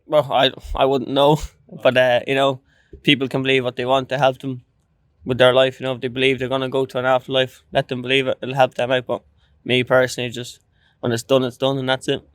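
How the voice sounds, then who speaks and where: Young male street interviewee, Irish accent, laid-back and noncommittal, fairly monotone, close dry sound. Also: medium pitch, a little fast, clean tone, no room sound. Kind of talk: casual chat.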